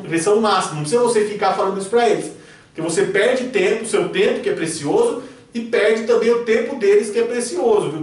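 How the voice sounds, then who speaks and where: A man's voice: high-pitched, far from the mic. A man, a criminal defense lawyer with a Brazilian Portuguese accent, giving a spoken tutorial in a didactic way and checking in with short tags. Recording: very echoey room, off-mic.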